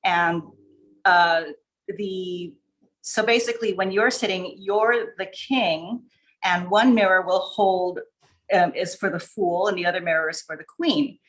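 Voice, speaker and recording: A short story writer appearing as a podcast guest over an online video call chats informally, explaining things in a rambling way full of asides. Her voice is on the low side and fairly bright, her pace is measured, and the audio is poor.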